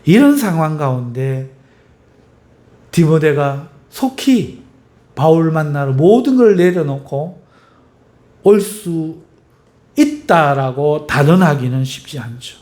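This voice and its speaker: High-voiced man preaching a sermon. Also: lively intonation, takes it slowly, pauses often. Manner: preaching with rhetorical questions to the congregation; emphatic, swinging in pitch and loudness. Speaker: pastor.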